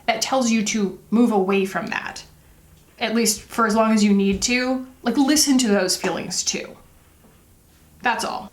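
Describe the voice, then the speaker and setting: A woman beauty vlogger talking casually and confessionally, in a candid, empathetic way with emphatic asides. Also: fairly high pitch. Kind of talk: casual confessional chat while doing makeup.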